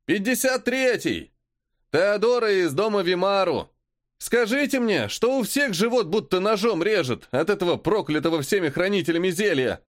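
A man voicing a young woman who shouts out complaints from a distance. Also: high-pitched, animated, normal speed, pitched above the performer's own voice. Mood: pained. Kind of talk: audiobook character voice.

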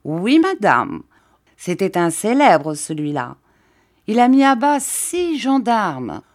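A woman reading an audiobook and voicing a tired, coughing middle-aged Corsican man who speaks in a flat, placid monotone. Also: mid-range voice, slow pace, pitched above the performer's own voice. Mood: proud.

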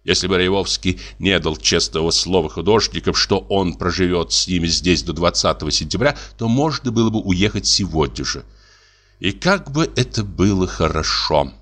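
A male narrator reads a classic story in a measured, expressive voice. His pitch sits on the low side. The style is polished audiobook narration.

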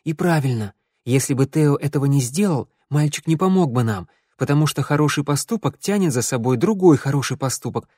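A man's voice: a little high, expressive, brisk, hardly any pauses, a little mellow, no echo. An earnest, hopeful young woman with a raised, eager voice, as a male narrator puts her on. She talks with heartfelt conviction in an audiobook scene, recorded dry and close.

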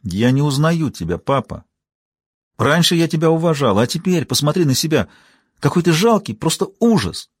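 A man's voice: on the high side, big pitch swings, normal speed, breathy edge, no echo, clean studio sound, pitched above the performer's own voice. A male narrator voicing a furious, scornful woman police detective confronting her father in an audiobook. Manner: accusing, scornful.

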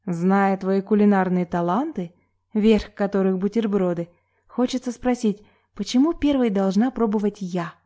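A woman reading an audiobook, voicing a calm, dry-witted young woman who speaks in a level tone. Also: mid-range voice, normal speed, close to an everyday voice.

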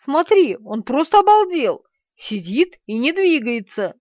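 A woman's voice: high voice, big pitch swings, unhurried, no room sound, dull audio. A woman doing an urgent, fussing young man. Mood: soothing. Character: eager young man, fussy about his pets.

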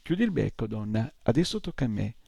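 A man voicing a bald, boastful old male gnome scholar who lectures in a self-important way, with a dark, gravelly voice. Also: medium pitch, moderate pace, no echo. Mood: commanding.

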